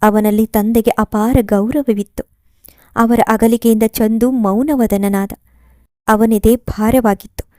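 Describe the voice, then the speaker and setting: A woman telling an emotional story in a steady, expressive storybook reading. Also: a little high, takes it slowly, dry recording, clean studio sound. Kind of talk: storybook narration.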